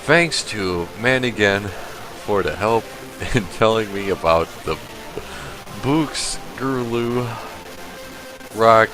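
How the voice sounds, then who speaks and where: A man doing a comedic read-aloud of a badly written story, deadpan and halting as he stumbles over the text. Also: fairly low pitch, over music. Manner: slow, halting, deadpan reading broken by laughter. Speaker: stream host reading a fan fiction aloud. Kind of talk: comedic dramatic reading.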